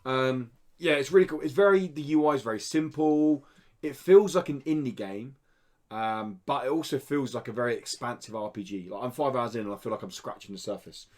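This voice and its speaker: Brisk and slightly dark in tone, a mid-range male voice carries an enthusiastic indie game review. He's a podcast co-host, and the talk is a casual conversational chat.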